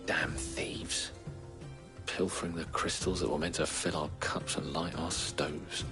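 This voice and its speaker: A man's voice: a bass voice, steady tone, measured pace, over music. A man playing a bitter, aggrieved commoner who grumbles, in a period fantasy game.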